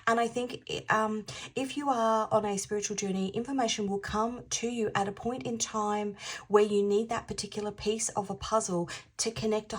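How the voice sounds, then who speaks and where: 50yo woman doing a tarot reading, kinda raspy breathy voice, thinking out loud, repeats herself. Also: mid-range voice. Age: 50s. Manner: reflective, repeats phrases, drifts into soft half-whispers. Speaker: tarot reader. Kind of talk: intuitive tarot reading, musing aloud.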